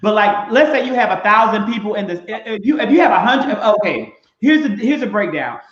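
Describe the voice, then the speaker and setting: A man with a high voice co-hosts the talk in an emphatic, preacherly cadence. His voice sounds roomy, and the recording is dull and lo-fi. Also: animated, a little fast, fairly bright tone. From Mississippi. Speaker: podcast co-host. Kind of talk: casual discussion.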